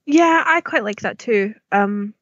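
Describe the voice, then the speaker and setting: A woman's voice: medium pitch, animated, unhurried, fairly bright tone, slightly rough, no echo, dull audio. A British woman in casual podcast chat, informal, teasing and self-deprecating.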